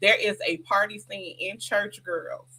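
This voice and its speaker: A woman's voice: mid-range voice, a little slow, slightly rough, low-quality recording. A woman in her thirties, an author chatting in an interview, telling stories with laughter and acted-out quotes. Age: 30s. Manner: animated storyteller, laughs often, acts out quotes. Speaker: author guest. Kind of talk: casual interview chat.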